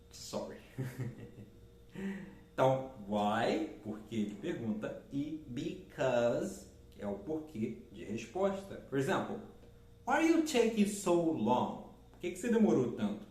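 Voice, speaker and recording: Lively man teaching in a roomy space. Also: mid-range voice. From Brazil. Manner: lively, repeats key words, reads examples slowly. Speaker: English teacher. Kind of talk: explaining English lessons in Portuguese. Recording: roomy echo.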